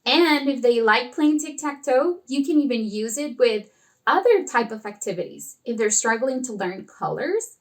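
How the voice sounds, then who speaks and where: Expressive high-voiced woman tutor. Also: moderate pace. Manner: expressive, acts out classroom dialogue. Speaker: online English tutor. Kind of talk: casual teaching tips.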